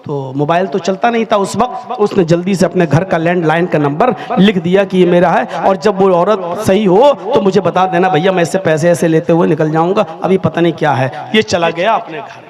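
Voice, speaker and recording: A comedian telling a comic story to a live audience in a conversational way, acting out the dialogue. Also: male voice, sits high, moderate pace, few pauses. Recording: live crowd audible.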